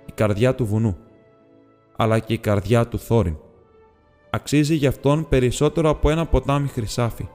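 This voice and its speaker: A man's voice: medium pitch, fairly even intonation, long pauses, darkish tone, lightly acted. A man reading the part of a polite, businesslike male hobbit burglar in an audiobook, speaking in a courteous, precise and slightly formal way. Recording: long reverb with faint music.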